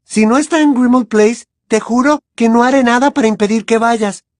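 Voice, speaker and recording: A woman's voice: a little high, normal speed, a little mellow, dry recording, clean studio sound, natural voice. A woman as an earnest, anxious teenage girl witch. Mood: urgent, pleading. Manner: urgent and earnest.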